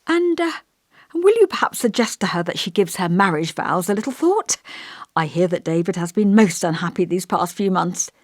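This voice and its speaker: A woman performs an elderly, kindly, long-winded village vicar from an audiobook, in genteel, old-fashioned, slightly pompous, musing speech. Her pitch roams freely and her delivery is animated at a normal speed, earnest and reproving. The sound is dry with no echo.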